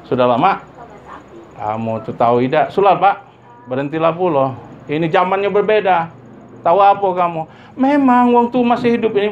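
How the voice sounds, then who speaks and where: A man giving a sermon, his voice jumping high for emphasis as he acts out everyday family dialogue. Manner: lively pitch leaps, acts out dialogue of parents and children. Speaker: preacher. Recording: dull lo-fi recording with faint ambient noise.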